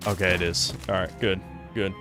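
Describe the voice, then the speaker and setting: A man's voice: sits low, flat delivery, moderate pace, over loud music. A man casually commentating a game on a live stream, swearing and reacting aloud as he plays.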